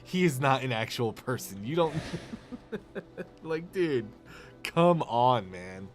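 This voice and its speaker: A man ranting on a live game stream, animated, sarcastic and full of swearing. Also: medium pitch, slow, faint music behind. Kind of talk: casual live-stream rant.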